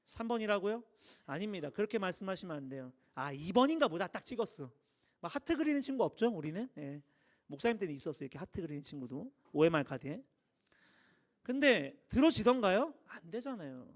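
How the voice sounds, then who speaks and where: A man in his thirties, a youth pastor, giving a lively sermon, acting out little dialogues and asking his listeners questions. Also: high voice, a little fast. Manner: animated, acts out dialogues, asks the audience questions. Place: church hall.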